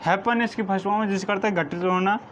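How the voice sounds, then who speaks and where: A male teacher slowly dictating vocabulary meanings to his class, spelling some words out letter by letter. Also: high voice, steady tone, a bit bright. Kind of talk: vocabulary lesson, reading word meanings. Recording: dull lo-fi sound with faint noise.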